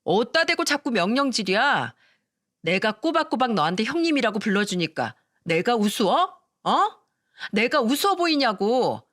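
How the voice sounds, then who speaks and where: A woman voicing a brash, entitled younger woman who shouts and pleads in a raised voice. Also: on the high side, sing-song, moderate pace, no echo, clean studio sound. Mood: scornful.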